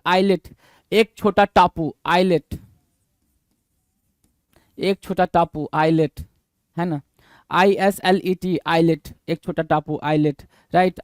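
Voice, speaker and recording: A male teacher leading an exam-prep vocabulary lesson. He reads English definitions slowly, explains them in quick Hindi, spells each word letter by letter and repeats the answers. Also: high-pitched, clear, resonant tone, no echo. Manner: spells words letter by letter, repeats answers, calls students bhai.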